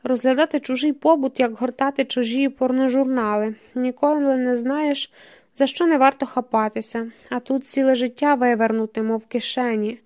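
A woman narrating an audiobook in a measured, even storytelling manner. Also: high voice.

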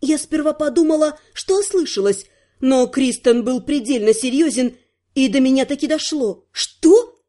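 Brief: female audiobook narrator, high and mellow, expressive first-person fantasy reading. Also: moderate pace.

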